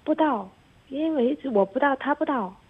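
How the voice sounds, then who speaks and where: A woman's voice: sits high, expressive, brisk, a loud crowd. A woman, calling into a radio show, hesitant and stammering. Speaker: caller. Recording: tinny phone line.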